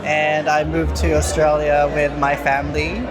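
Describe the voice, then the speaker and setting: Young man, relaxed guest. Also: fairly high pitch, measured pace, rough recording. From Philippines. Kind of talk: event interview. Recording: event with music and crowd chatter.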